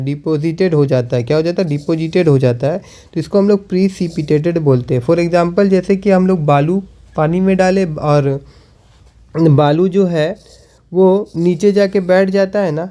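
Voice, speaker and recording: Man teaching chemistry, warm, mellow voice, repeats key points. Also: high voice. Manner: repeats questions and answers them, slow while writing. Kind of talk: chemistry lesson.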